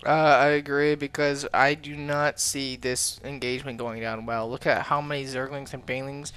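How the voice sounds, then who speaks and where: A man commentating a strategy game match, calm in analysis and excitable when fights break out. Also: medium pitch, moderate pace, clear, resonant tone. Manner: excitable, shouts during fights. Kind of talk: esports casting.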